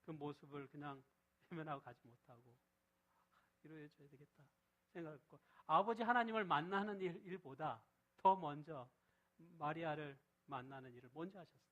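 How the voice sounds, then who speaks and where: Korean pastor preaching with rhetorical questions. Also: male voice, normal speed, poor audio. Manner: questions to the congregation, answered himself; shifts between loud stress and soft low reading. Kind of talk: sermon.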